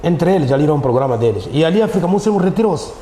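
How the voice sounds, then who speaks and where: Rapid-fire and warm, with lively intonation and a pitch on the high side, a middle-aged Mozambican-accented man speaks as an interview guest; he is an Islamic teacher. He recounts conversationally, repeats points, and frequently tacks on tag questions. The echoey studio gives roomy echo and faint background noise.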